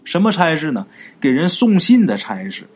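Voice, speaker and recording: A man voicing a shrewd, calm old male folk healer who speaks slowly in a low, knowing tone. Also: slightly rough. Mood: solemn. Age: older.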